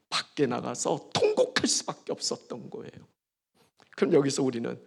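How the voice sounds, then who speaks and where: A man preaching a sermon as pastor, emphatic, with dramatic pauses and swings between soft and loud delivery. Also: medium pitch, vocal fry. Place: church service.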